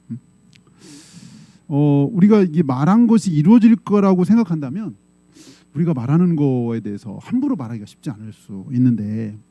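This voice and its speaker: Lively-voiced male pastor preaching conversationally. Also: on the high side, no echo, highs cut off. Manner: conversational, often asks the congregation "예?" and "음?"; acts out quoted voices in short dramatic bursts. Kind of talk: sermon. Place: church sanctuary.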